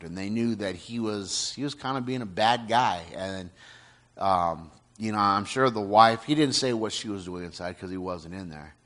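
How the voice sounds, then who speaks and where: Guy telling a story, earnest, kinda halting, lower voice, lots of "you know". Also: a bit bright. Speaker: storyteller retelling a testimony. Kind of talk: casual spoken retelling.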